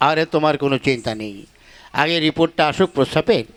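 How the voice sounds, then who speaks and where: A man's voice: on the high side, animated, quick pace, natural voice. A man voicing a brusque village doctor in a comic puppet play, speaking in a curt, scolding way. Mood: calm. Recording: music playing behind.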